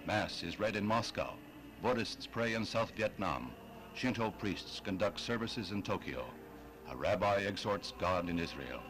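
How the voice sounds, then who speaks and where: A man's voice: deep voice, expressive, background noise. Solemn old newsreel narrator, man. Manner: solemn, measured, declamatory. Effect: old 1960s newsreel sound. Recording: old newsreel track with music. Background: music.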